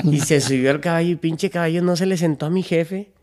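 A man's voice: fairly high pitch, a little fast, a little mellow. A man from Chicago, a podcast guest telling long family stories in a rambling, profane way and acting out the quoted voices. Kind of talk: casual storytelling chat.

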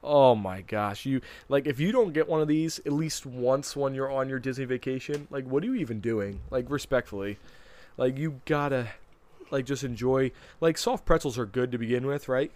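A man's voice: medium pitch, moderate pace, a little mellow. A man co-hosting a casual podcast, enthusiastic and full of "like" fillers, talking in a studio. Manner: enthusiastic, filler-heavy with lots of "like". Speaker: podcast co-host.

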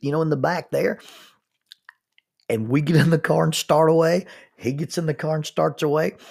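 A man telling a folksy story in a sermon, unhurried and full of restarts. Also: medium pitch, gravelly, a little mellow, breathy edge.

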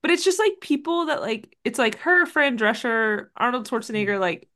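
In her thirties, this woman co-hosts a casual movie podcast, recapping films in a rambling, filler-heavy way full of "like" and "um." Her voice sits a little high and fairly bright, and she talks at a normal speed.

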